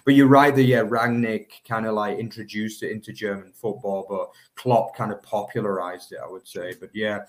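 Low-voiced man in casual football chat. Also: steady tone, normal speed, few pauses. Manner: rambling, many fillers like "obviously" and "you know". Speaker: podcast co-host.

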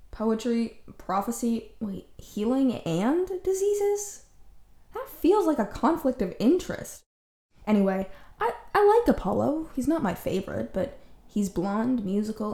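A woman with a soft-edged, mellow voice hosts a chatty storytelling podcast. She is wry and playful, teasing her material with sarcastic asides. The sound is clearly echoey, as if recorded in an empty apartment room. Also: mid-range voice. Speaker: podcast host. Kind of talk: casual, chatty comedic storytelling. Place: indoors, empty room in a new home.

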